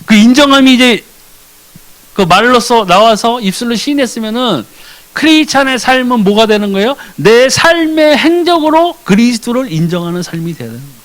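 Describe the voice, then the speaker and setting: A man gives a church sermon in a high voice that swoops widely from phrase to phrase. He keeps the hall involved with rhetorical questions and slips briefly into acted dialogue. The delivery is animated and expressive. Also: normal speed. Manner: acts out short dialogues with changed voices. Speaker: church deacon preaching.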